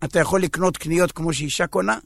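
A man's voice: a little high, fairly even intonation, creaky, no echo. A man giving a humorous religious talk, acting out everyday scenes between men and women. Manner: joking storyteller acting out scenes. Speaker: religious speaker. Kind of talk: humorous sermon.

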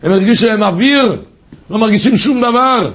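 A man preaching a sermon through stories, telling them with passion and rising to high cries. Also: a bit bright.

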